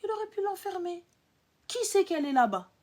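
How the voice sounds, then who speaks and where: A young woman with a high voice delivers a heated live-stream rant. She scolds her audience, fires off rhetorical questions and lurches between loud outbursts and low muttering. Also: big pitch swings, a little fast. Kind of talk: ranting live-stream monologue.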